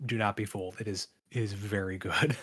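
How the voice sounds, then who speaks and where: A man's voice: fairly low pitch, steady tone, fairly quick, fairly bright tone, breathy edge. A man co-hosting a board game podcast in casual chat, telling stories and laughing often. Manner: laughing, chatty storytelling. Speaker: podcast co-host.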